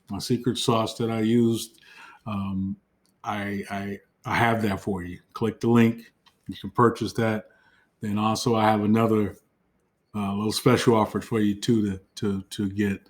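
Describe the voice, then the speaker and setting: A man with a lowish, fairly flat voice walks viewers through a casual online tutorial, and his voice is wearing thin. He talks to the audience directly, with plenty of ums and restarts. He sounds like a credit coach sharing tips. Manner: loose, filler-heavy, talks straight to viewers. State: losing his voice.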